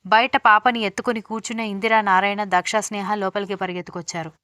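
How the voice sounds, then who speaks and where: Woman reading a love story, steady storytelling, middle pitch, dry close sound. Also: fast talker, no room sound. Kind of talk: scripted audiobook narration.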